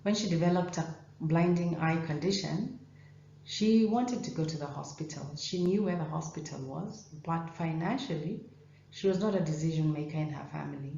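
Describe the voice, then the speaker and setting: A woman from Kenya whose first language is not English, a professor of ophthalmology giving a measured, clear conference presentation. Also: sits low, mellow, echoey room, lo-fi sound, slight background noise.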